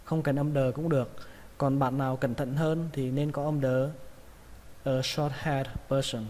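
A man's voice: medium pitch, steady tone, normal speed, mellow. A man with a Vietnamese accent teaching English pronunciation, patiently repeating each word. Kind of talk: pronunciation lesson. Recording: long reverb, faint ambient noise.

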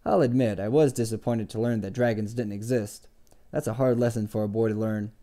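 A man reads aloud in a fairly low, dark, natural voice at a fairly quick pace, playing a guarded middle-aged innkeeper. The character talks in a dry, cutting, sarcastic, sardonic way.

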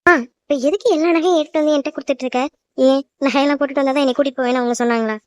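A woman voices a young cartoon bride, a devoted daughter who teases and reassures her mother in a chatty way. Her voice sits high with a steady tone and a racing pace, and it sounds natural. The recording is dry.

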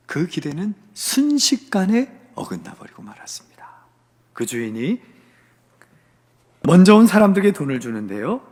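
A man's voice: on the high side, slightly rough. A man preaching at a dawn prayer service as pastor, dramatically voicing the parable's characters and dropping to near whispers. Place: church sanctuary. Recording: long church hall reverb.

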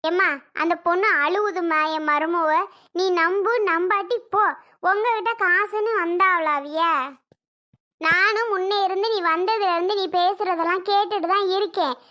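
A woman's voice: very high voice, fairly even intonation, moderate pace, bright, forceful tone. Woman doing an indignant old mother-in-law. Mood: reproachful. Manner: lecturing, reproachful, drawn out.

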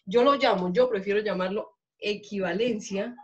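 A woman's voice: medium pitch, normal speed, muffled recording. A woman teacher with a Colombian accent, lecturing a chemistry class and checking in often with questions to her students. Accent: Colombian Spanish.

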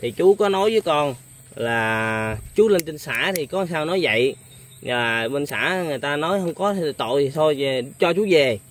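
A man's voice: a little high, expressive, normal speed, slight background noise. A young man hosting a casual interview, speaking politely with many hesitant fillers. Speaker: vlogger host.

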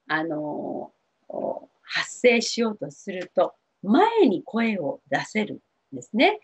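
A middle-aged woman counselor giving gentle, reassuring advice to TV viewers, with many fillers. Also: on the high side, slightly rough. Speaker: spiritual counselor answering viewer questions. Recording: dull lo-fi TV audio.

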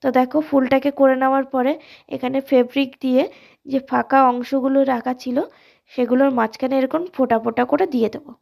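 A woman talks viewers through a craft tutorial, her voice hoarse from a cold. It sits high and stays fairly level in pitch. She sounds friendly and speaks directly to her audience. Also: level tone, quick pace, darkish tone. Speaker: alta design tutorial host. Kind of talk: casual step-by-step tutorial.

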